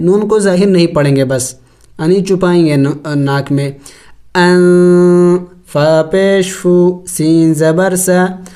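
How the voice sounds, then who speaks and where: A man teaching Quran recitation, spelling out letters and vowels slowly, chanting the words drawn out, then explaining the rules in quick asides. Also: fairly high pitch, warm tone. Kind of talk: slow spelled-out tajweed lesson.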